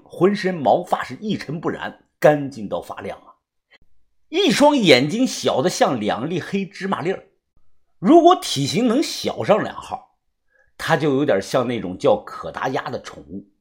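A man narrating a first-person audiobook story in a lively, swinging storyteller manner. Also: on the high side, husky.

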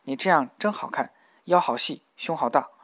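A man reading as a hushed, devoted young man. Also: on the high side, normal speed, dry recording.

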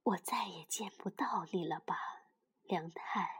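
A woman voicing a loving mother dinosaur who speaks softly in a near whisper. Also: on the low side, a little slow, breathy edge, pitched below the performer's own voice, full character voice. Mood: tender.

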